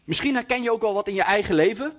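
A man's voice: sits high, lively intonation, very fast. A young man preaching in Dutch, telling a personal testimony in a hesitant way with many fillers and restarts. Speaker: lay preacher.

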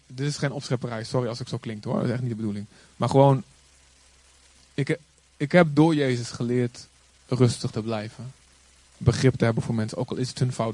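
A man who is a pastor, telling a story in a calm, earnest way and acting out the voices of the people he quotes. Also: medium pitch, no room sound. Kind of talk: sermon-style storytelling.

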